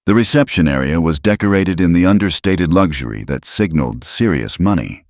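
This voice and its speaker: A man narrating a dramatic story in a steady, scripted storytelling voice. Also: sits low, brisk, no room sound, clean studio sound.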